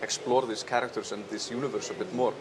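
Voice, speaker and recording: A man from Iceland, a film director, answering interview questions in a thoughtful, halting way with many fillers. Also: medium pitch, flat delivery, background noise. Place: outdoor festival terrace with a crowd. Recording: crowd chatter behind.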